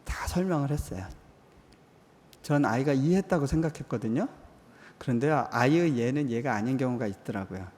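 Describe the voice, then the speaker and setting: A man's voice: mid-range voice, lively intonation, brisk. A man in his forties preaching a sermon in a church hall, telling personal stories in a conversational way. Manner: conversational, acts out quoted voices, drops soft for tender moments. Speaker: missionary preacher. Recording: long hall reverb.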